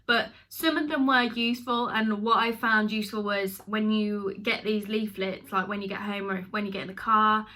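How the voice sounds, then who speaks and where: Chatty bright-voiced young woman from the UK. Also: medium pitch. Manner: chatty, laughs often, many fillers. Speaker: vlogger. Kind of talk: casual chat to camera.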